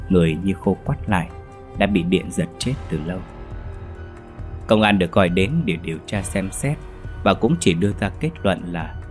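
A man narrating a horror story in a steady, measured way, with faint music behind. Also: sits low.

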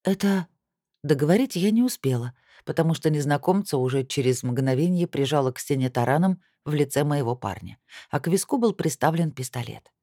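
An audiobook narrator reading a first-person story expressively, lifting the pitch for the heroine's lines. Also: expressive, a little fast, mellow, no echo, studio quality.

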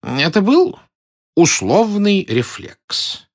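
A man's voice: high-pitched, wildly swooping pitch, drawn-out words, pitched above the performer's own voice, full character voice. A man playing a timid, pedantic elderly male professor in an audiobook, whining and indignant. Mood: fussy, whiny. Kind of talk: audiobook character voice.

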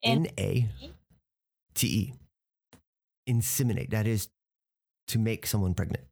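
Explaining words from a TV clip, a man from the United States patiently breaks English vocabulary into pieces and spells it out for a learner. His voice is fairly low, gravelly, and slightly mellow, and he speaks a little slowly.

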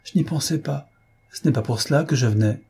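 A man voicing an earnest, lovestruck young lieutenant in an audiobook, with a husky voice. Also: mid-range voice, brisk, dark tone, pitched above the performer's own voice. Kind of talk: audiobook character reading.

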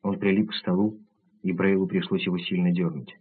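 A man narrating an audiobook in the first person, measured and even, on tinny narrow-band audio. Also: low-pitched, slightly rough.

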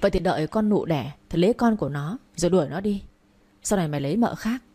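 A woman's voice: lowish voice, expressive, fast, warm tone, slightly rough. A woman reading the part of a stern, harsh-tempered old rural father who scolds his son. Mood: scolding. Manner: scolding, curt.

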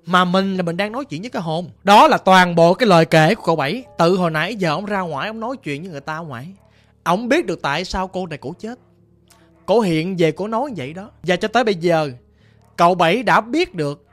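A woman with a Southern Vietnamese accent narrating a ghost story in a hushed, somber, conversational way. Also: fairly low pitch.

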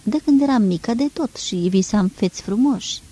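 A woman reading an audiobook, voicing a tender, fearful young woman in love with a soft, pleading manner. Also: medium pitch, animated, breathy edge, poor audio.

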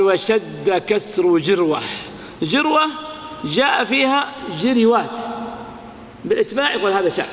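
A man with a notably high voice teaches a grammar lesson, quizzing his listeners and chanting verse slowly. His voice rings out with a long reverb, as if recorded in a large hall. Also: fairly bright tone. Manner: explains with rhetorical questions, recites verse slowly.

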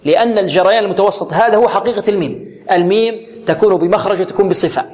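A man with a high voice leads a Quran recitation lesson. He explains each sound and quizzes his students as he goes. He chants the verses in a slow, drawn-out way so they can follow. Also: darkish tone. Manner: explains pronunciation, then chants verses slowly as examples; quizzes students with rhetorical questions.

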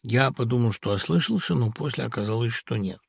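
A man narrating a comic short story as an audiobook, in a lively, wry manner. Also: mid-range voice, brisk, creaky, slightly rough, dry recording.

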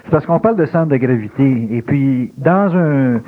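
A male interviewer with a Québécois French accent frames his questions conversationally and reflectively, searching for his words. His mid-range voice is animated and moves at a normal speed. The interview recording is thin, lo-fi and phone-like.

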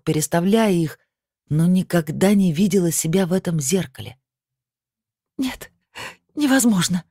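A man reading a novel aloud as an audiobook narrator, steady and even. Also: on the high side, no echo, clean studio sound. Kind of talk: scripted narration.

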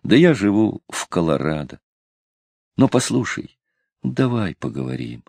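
A man's voice: deep voice, sing-song, unhurried, gravelly, a little mellow, no echo, heavily acted. A man reading an audiobook, voicing an eager, awkward young sailor who is pushy and flustered.

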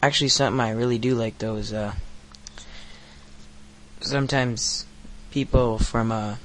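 Here the thirteen-year-old is unhurried, his fairly bright, mid-range voice keeping fairly even intonation as he rants crudely on his own podcast, swearing and filling gaps with filler words. He's recovering from hoarseness, and a little hiss or hum sits under the audio.

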